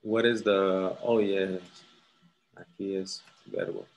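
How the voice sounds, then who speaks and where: A man with a slightly low voice tutors a single student through exam grammar. He is patient and repeats words slowly to fix pronunciation. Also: steady tone, slight background noise, poor audio. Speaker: English tutor. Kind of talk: one-on-one TOEFL grammar lesson.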